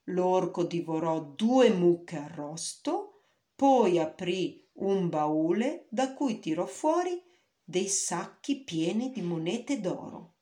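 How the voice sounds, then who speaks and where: A woman's voice: lowish voice, big pitch swings, takes it slowly, warm tone. A woman narrating a fairy tale in a storybook reading, with careful storytelling.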